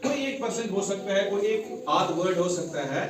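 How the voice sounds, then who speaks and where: A man's voice: sits high, animated, moderate pace, crowd noise. A male teacher giving a classroom lecture, spelling words out letter by letter and often checking that students follow. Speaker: English teacher. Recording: very echoey room, mic far off, students' voices.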